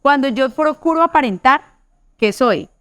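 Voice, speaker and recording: A woman's voice: high-pitched, animated, moderate pace, fairly bright tone, dry recording. A woman from Colombia preaching to a youth meeting in an earnest way, acting out quoted churchgoers. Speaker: youth pastor.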